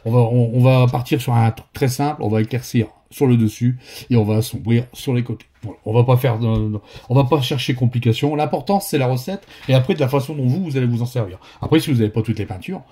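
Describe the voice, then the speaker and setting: A man from northern France with a Ch'ti accent talks through a casual painting tutorial, rambling in a friendly way with plenty of fillers and restarts. His voice sits in the mid-range and is warm and slightly rough, and he speaks at a quick pace.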